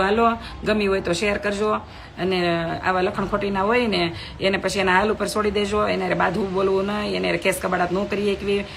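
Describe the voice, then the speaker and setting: An outspoken young woman talks to her live viewers from her phone at home. Her pitch sits in a middle range. A faint hum of background noise runs underneath. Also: vocal fry, a bit bright. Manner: outspoken, emphatic, reads out comments. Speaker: live video host. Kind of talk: live stream talk to viewers.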